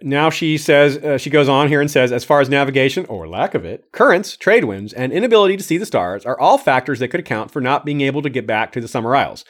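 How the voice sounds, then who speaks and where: A man's voice: mid-range voice, lively intonation, fast, few pauses. A man hosting a livestream, reading a listener's comments aloud and adding his own casual remarks. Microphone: streaming microphone.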